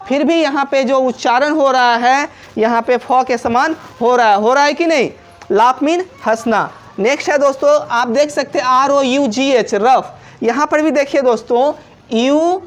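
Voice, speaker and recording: A woman with a high, light voice runs a patient pronunciation lesson. She spells each word out letter by letter. She keeps asking her own questions and answering them straight away. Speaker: English pronunciation teacher. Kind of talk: classroom-style lesson.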